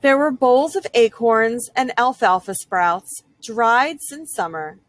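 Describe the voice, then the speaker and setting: A woman reading a children's picture book aloud as an expressive storyteller. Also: on the high side, slow, no echo.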